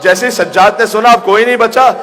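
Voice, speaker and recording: A male preacher from Pakistan delivers an emotional Muharram majlis sermon recounting Karbala to a large hall gathering, rising to anguished cries and half-sung lament. His voice is high and a bit bright, with slight background noise.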